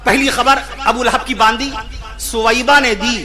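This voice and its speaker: A man preaching at a religious gathering. He builds long, repeated lists that swell into shouts, then stops to spell out the correct pronunciation of names. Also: very high voice, steady tone, a little slow. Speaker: Islamic preacher. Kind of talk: impassioned sermon at a religious gathering.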